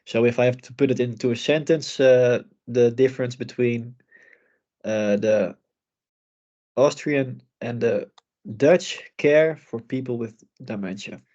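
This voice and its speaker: A man with a mid-pitched voice speaks hesitantly and pauses on his fillers. The sound is muffled and lo-fi, as it comes through a video call. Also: dark tone. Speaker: student.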